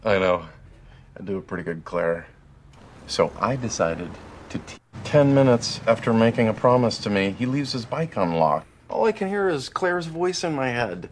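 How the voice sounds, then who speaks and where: An actor speaking in a chatty, self-amused sitcom monologue. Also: male voice, medium pitch, lively intonation, normal speed, natural voice. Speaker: sitcom dad character. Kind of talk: sitcom dialogue.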